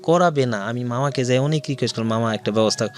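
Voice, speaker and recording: Talking very fast in a medium-pitched voice over soft background music, a Bangladeshi-accented man recounts his life story as an interview guest. His telling is detailed and includes quoted dialogue.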